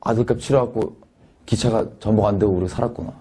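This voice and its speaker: A man from Korea preaching a sermon in a conversational, animated way, swinging from loud peaks to quiet asides. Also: fairly low pitch, fast talker, breathy edge.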